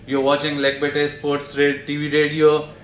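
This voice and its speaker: Guy from pakistan reading a channel shoutout, dead flat, echoey. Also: a little high, moderate pace. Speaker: channel promo voice. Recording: echoey room with faint noise.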